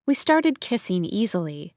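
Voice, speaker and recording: A woman narrates an audiobook in the first person, intimate and reflective. Her voice sits at an ordinary pitch. It is a dry studio recording with no room echo. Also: very animated, measured pace, a little mellow.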